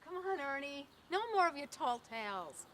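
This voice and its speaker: A level-headed crew member. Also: female voice, sits high, big pitch swings, moderate pace, a bit bright, a little hiss or hum. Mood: persuasive.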